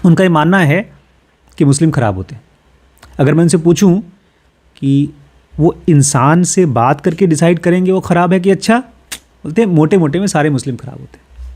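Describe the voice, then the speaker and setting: A man's voice: on the high side, moderate pace, long pauses, darkish tone. A man from Uttar Pradesh explains a self-help book in a casual way. He reads English passages aloud, then talks them through with everyday personal examples. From Uttar Pradesh, India. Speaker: course teacher.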